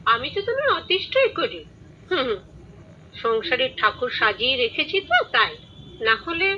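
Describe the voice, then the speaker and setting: A woman's voice: sits high, a little slow, a little hiss or hum. An old mother on an old radio play. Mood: fond. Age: older. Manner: gently chiding, expressive. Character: elderly wife and mother, affectionate then hurt. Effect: old radio play recording, dull lo-fi sound. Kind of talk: Bengali radio drama acting. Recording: dull lo-fi radio play recording.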